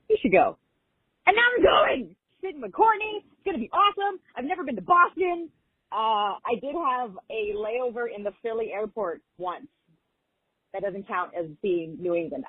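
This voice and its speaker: Husky woman gushing over a landline phone. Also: high-pitched, no room sound. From Long Beach, California. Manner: gushing, excited and chatty. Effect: heard over a landline phone. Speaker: caller leaving a voicemail. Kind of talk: rambling voicemail message. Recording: tinny phone-line voicemail.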